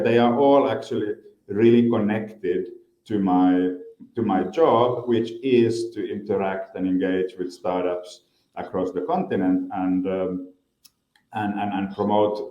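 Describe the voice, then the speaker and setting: A man's voice: deep voice, dark tone, muffled recording. A man in his fifties from Finland with a Finnish accent, answering interview questions hesitantly, with many repeated words and fillers. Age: 50s. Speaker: guest. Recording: echoey room.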